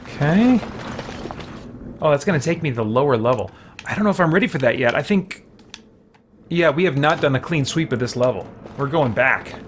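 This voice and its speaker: With game music playing behind him and slight background noise, a man streams a game while chatting casually, rambling and thinking aloud. His medium-pitched voice is animated and brisk, and he pauses often.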